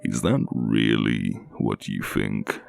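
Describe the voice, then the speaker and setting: A man voicing a young male kidnapper in a scary story, with a low, haunting voice and a slow, teasing, falsely sweet manner. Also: lively intonation, creaky, darkish tone, faint music behind, exaggerated voice. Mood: mock tender.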